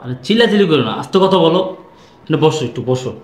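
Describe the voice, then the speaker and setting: A man's voice: on the high side, animated, rapid-fire, lightly acted. An actor playing a poor young husband who pleads with his angry wife and defends his parents. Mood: pleading. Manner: pleading, placating. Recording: echoey room.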